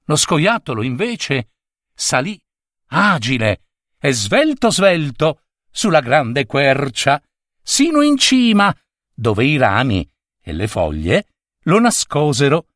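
A man reading a storybook tale aloud in a theatrical, animated way. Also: a little high, takes it slowly, dry recording, studio quality. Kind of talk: expressive storybook narration.

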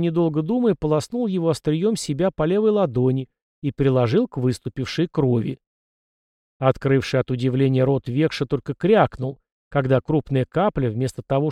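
A man with a mid-range voice narrates an audiobook from a script at a steady, measured pace. The studio recording is clean and dry.

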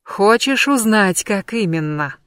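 A vengeful witch, as a woman reader puts her on, hisses her prophecy slowly and with menace. The storybook voice sits mid-height and is recorded dry and close. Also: medium pitch, expressive, fairly bright tone, no echo. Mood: chanting. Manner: slow, hissing, menacing.

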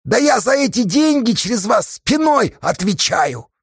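A man voicing a stern, grasping old village elder with a thin high voice that turns preachy and scornful. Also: animated, slow, gravelly, slightly rough, no room sound, clean studio sound, full character voice. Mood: shrill indignant. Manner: preachy, scornful, rising to shrill shouts.

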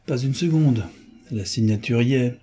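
A man's voice: medium pitch, moderate pace, mellow, breathy edge, natural voice. A man voicing a blunt older police inspector in a storybook reading. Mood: certain. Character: older police inspector, gruff, grudgingly admiring.

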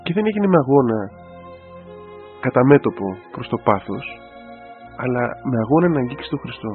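Animated priest on tinny radio. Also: male voice, medium pitch. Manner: animated, speaks directly to the listener. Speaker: Orthodox priest and radio show host. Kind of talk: informal radio sermon. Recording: tinny phone-like radio audio with faint music.

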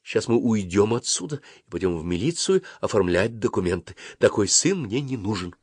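A man voicing a worried, strict mother who speaks in a hushed, reproachful way. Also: mid-range voice, very animated, normal speed, slightly rough, dry recording, studio quality, voice pushed up. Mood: threatening. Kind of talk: audiobook character reading.

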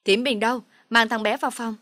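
A woman voicing a harsh wealthy father who shouts angry orders. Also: fairly high pitch, steady tone, fairly quick, dry recording, natural voice. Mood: furious.

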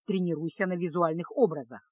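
A woman voicing a gloomy male mage, speaking low and measured like a patient teacher. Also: darkish tone, breathy edge, no echo. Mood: calm lecturing.

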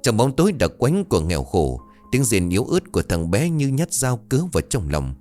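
A man narrating a scripted ghost story in a dramatic, expressive way. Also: lowish voice, a little fast, faint music behind.

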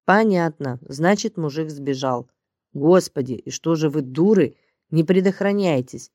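Woman reading a gruff, crude male handler. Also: deep voice, animated, unhurried, warm tone, no echo, studio quality. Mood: scolding. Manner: blunt, rude, slangy and bossy.

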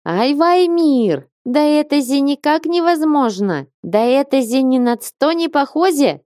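A woman voicing a panicked male neighbor who protests in a sharp, guttural voice. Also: sits high, expressive, a little slow, no room sound, studio quality, pitched above the performer's own voice. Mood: outraged. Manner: wailing protests. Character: shrill panicked man neighbor, coughing, guttural.

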